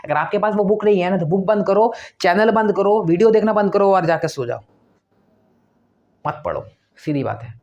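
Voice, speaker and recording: With a high, slightly mellow voice and lively intonation at a normal pace, a male exam-prep teacher gives students motivational study advice. He stresses and repeats his points and asks rhetorical questions, and the recording's highs are cut off.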